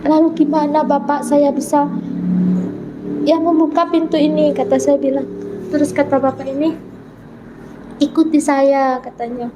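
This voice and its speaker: A woman's voice: high voice, level tone, moderate pace, long pauses, background noise. A woman from North Sulawesi telling her personal story as a guest, earnestly acting out remembered dialogue. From North Sulawesi, Indonesia. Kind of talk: personal testimony in an interview.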